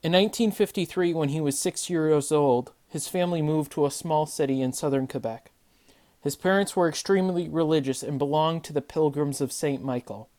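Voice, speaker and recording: A true crime narrator hosting a podcast, reading a scripted story in a measured way. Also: mid-range voice, a little mellow.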